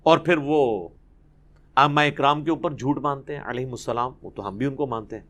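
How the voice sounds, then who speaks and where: A man's voice: medium pitch, fairly bright tone. A man giving a Quran commentary lesson, explaining emphatically and reciting Arabic verses between his explanations. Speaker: Quran teacher.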